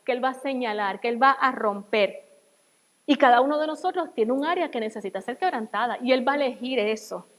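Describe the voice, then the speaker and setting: A woman preaching as a guest speaker, giving an earnest personal testimony that drops to soft, quiet passages. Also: high voice, long reverb tail, poor audio. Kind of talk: sermon.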